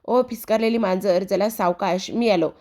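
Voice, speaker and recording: A woman's voice: medium pitch, moderate pace, darkish tone, close to an everyday voice. Fond young husband, as a woman reads him. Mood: indulgent.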